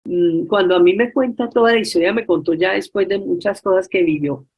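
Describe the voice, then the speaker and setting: A woman giving a storytelling religious talk over a video call, retelling a story with many filler pauses. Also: mid-range voice, husky, dull audio. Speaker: speaker at a forgiveness workshop.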